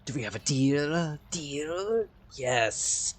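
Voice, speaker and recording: A man voicing a pack of hungry captive wolves, speaking low with breathy hissing words. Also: animated, drawn-out words. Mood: bargaining.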